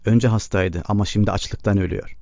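A man reading the lines of a starving young boy who speaks in a cracked, flat monotone. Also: on the low side, a little fast, vocal fry, dry recording. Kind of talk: audiobook reading. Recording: dull lo-fi recording.

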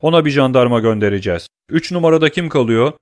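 A man's voice: mid-range voice, animated, quick pace, dry recording, lightly acted. A man voicing an officious gendarme corporal in an audiobook, barking orders. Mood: commanding. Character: gruff commanding gendarme corporal.

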